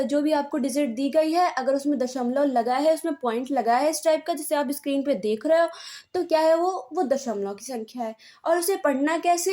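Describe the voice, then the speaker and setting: A woman's voice: high voice, darkish tone. A woman teacher explaining decimal numbers step by step in an exam-prep video lesson, with frequent checks and small fillers. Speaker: maths teacher.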